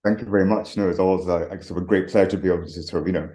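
A middle-aged man with a Scottish Highland accent talks casually in an interview. His voice is low and mellow, and he hedges his way through sentences conversationally. The sound is roomy and echoey. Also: steady tone, racing. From Highlands of Scotland. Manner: informal, hedging, conversational. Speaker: interview guest, retired professor.

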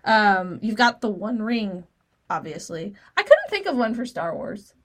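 A woman's voice: mid-range voice, very animated, measured pace. A woman in her thirties co-hosting a podcast, chatting casually, laughing often and using lots of fillers. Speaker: podcast co-host. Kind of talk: casual chat.

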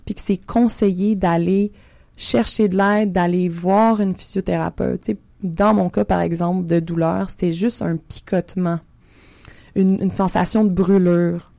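Gravelly-voiced Québécoise podcast host. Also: female voice, on the low side, fairly even intonation, a little slow, warm tone, no room sound. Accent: Québécois French. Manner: casual, earnest questioning. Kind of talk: conversational interview.

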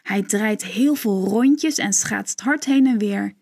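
A woman narrating a children's story in a gentle, clear storytelling manner. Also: mid-range voice, slow.

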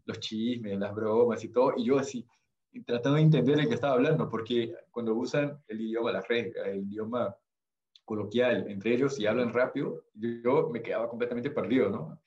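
This podcast guest, an amateur triathlete, speaks Portuguese natively and has a Brazilian accent. He tells stories in a relaxed, conversational way, pausing often to find words, at a moderate pace in a medium-pitched, slightly mellow voice. The recording is muffled.

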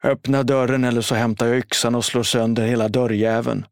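A man voicing a violent, furious boyfriend who shouts curses through a door. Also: medium pitch, flat delivery, no room sound, studio quality, lightly acted. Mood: raging. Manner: shouting, cursing.

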